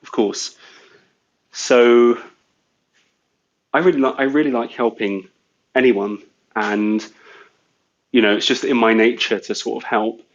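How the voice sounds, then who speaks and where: A man's voice: medium pitch, steady tone, a little slow, pauses often, highs cut off. An English man telling business stories in a rambling casual chat, full of "you know" and "sort of". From England. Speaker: guest entrepreneur.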